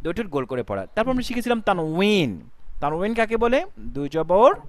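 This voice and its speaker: A man's voice: sits high, big pitch swings, a little fast. A man teaching Arabic letter pronunciation, asking questions and repeating answers back in a call-and-response drill. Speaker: Quran recitation teacher.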